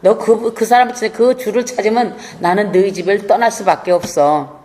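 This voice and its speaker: A woman's voice: medium pitch, normal speed, darkish tone, natural voice. A woman pastor voicing a bossy, mocking demon that refuses to leave a person, within a sermon. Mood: possessive. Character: taunting demon clinging inside a person.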